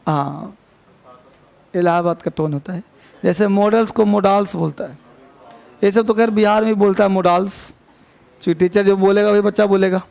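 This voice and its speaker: This English teacher is a man teaching grammar in class, his high voice gravelly and rough yet somewhat darkish in tone. Steady and at normal speed with frequent pauses, he goes over key points again, fixes pronunciation, and affectionately scolds students into order.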